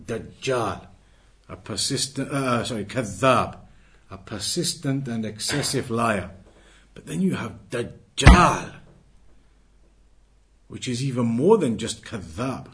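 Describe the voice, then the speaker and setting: Slow-paced and animated, with frequent pauses, a man with a mid-range, slightly bright voice teaches a religious lesson live as an Islamic teacher. He earnestly repeats key phrases, recites Arabic fluently, and quizzes the class before waiting for answers.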